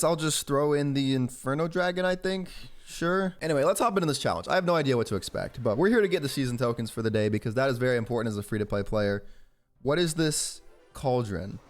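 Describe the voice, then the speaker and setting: A man in his early twenties from Georgia in the southern US, with an American accent, chatting informally and rambling as he commentates on a game. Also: mid-range voice. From Georgia, southern United States. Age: early 20s. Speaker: gaming YouTuber. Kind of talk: casual gameplay commentary with personal chat.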